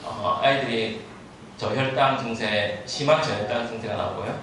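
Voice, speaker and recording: A man interpreting consecutively at a medical lecture, speaking haltingly, restarting phrases and dropping English terms into his sentences. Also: medium pitch, fairly bright tone. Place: large echoing room at a talk. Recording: very echoey room, distant mic, faint noise.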